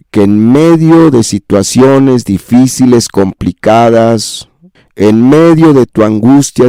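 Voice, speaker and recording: A man's voice: medium pitch, dark tone, clear, resonant tone, no room sound. A man preaching a sermon as pastor, addressing the congregation as brother and sister and building repetitive lists into impassioned pleas.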